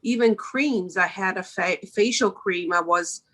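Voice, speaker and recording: Appearing as a podcast guest, a middle-aged makeup artist from Switzerland gives conversational interview answers in a voice on the low side, a bit bright, and somewhat slow.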